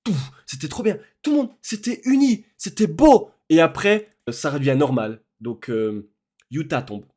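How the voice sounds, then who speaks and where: A young man giving a spoiler-filled film recap, telling it with sound effects and growing excitement. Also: a little high, moderate pace. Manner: animated storytelling with sound effects, building to shouting excitement. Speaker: film reviewer.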